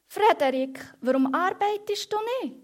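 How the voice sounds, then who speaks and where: A woman's voice: very high-pitched, expressive, unhurried, pitched above the performer's own voice. A woman voicing a group of small, busy field mice who ask eager questions in a raised voice. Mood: questioning.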